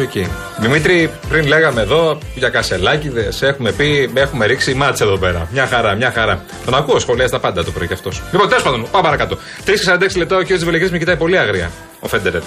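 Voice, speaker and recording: A man's voice: mid-range voice, expressive, bright, forceful tone, faint music behind. A man co-hosting a radio show, chatting casually with a playful, teasing manner in a studio. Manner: playful, teasing, quick to joke. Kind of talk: casual banter on air.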